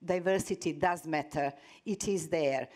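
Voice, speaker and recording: A woman in her fifties from Serbia talks on a conference panel at a slow, deliberate pace. Her voice sits a little low, and her phrasing halts as she hunts for words. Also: darkish tone. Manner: earnest, halting, searching for words. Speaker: panelist, media institute director. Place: conference stage, large hall.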